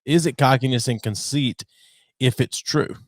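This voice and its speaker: A man's voice: mid-range voice, normal speed, dry recording, clean studio sound. Blunt, groaning male podcast co-host. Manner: blunt, profane, groaning complaints. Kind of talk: casual podcast chat.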